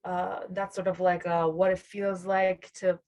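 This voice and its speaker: Guesting on an interview show, a young adult musician from near Nashville, Tennessee, in the Southern US, chats casually in a low, slightly mellow voice. Her delivery is flat and a little slow, reflective and rambling, full of fillers and frequent laughter.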